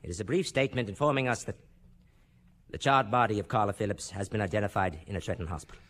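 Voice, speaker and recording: An actor playing a grave, formal American radio newsman in a 1930s old newsreel manner, with urgent, measured phrasing. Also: lowish voice, a bit bright. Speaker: radio news announcer.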